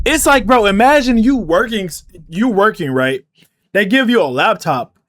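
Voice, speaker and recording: Man, high voice, very animated pitch, casual slangy reaction commentary, loud incredulous outbursts. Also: normal speed. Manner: loud, swings between incredulous shouts and mumbled asides. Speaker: streamer reacting to a video.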